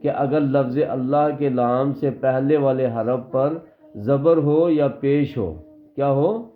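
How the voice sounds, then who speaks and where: A woman teaching Quran recitation in an online lesson, patiently drilling words and modelling them slowly for her students. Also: a bass voice, phone-quality sound.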